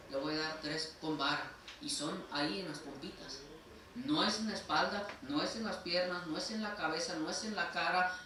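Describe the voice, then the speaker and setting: Emphatic Mexican pastor, bright echoey hall. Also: male voice, a little high. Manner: emphatic, repeatedly addresses listeners as brother. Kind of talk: sermon. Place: church sanctuary. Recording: echoey church hall from far off, faint noise.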